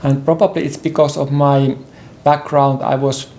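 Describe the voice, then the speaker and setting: An older man with a Finnish accent, a native Finnish speaker talking in English in a personal sofa conversation, halting and careful with many pauses and throat-clearings. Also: medium pitch, little pitch movement, darkish tone, slight background noise. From Finland. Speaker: interview guest, partner in conversation. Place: indoor living room with bookshelves.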